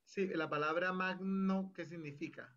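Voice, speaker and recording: A man's voice: sits high, fairly even intonation, measured pace, fairly bright tone, muffled recording, slight background noise. A man directing a choir over a video call, explaining the exercise and then demonstrating it by half-singing the phrases. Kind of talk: online choir rehearsal instruction.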